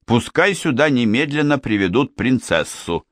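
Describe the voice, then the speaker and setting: A man's voice: mid-range voice, sing-song, normal speed, no echo, clean studio sound, voice pushed up, close to an everyday voice. A male audiobook reader voicing a grand, coaxing king of penguins. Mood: jovial. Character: jovial pompous old male penguin king. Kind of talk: audiobook character reading.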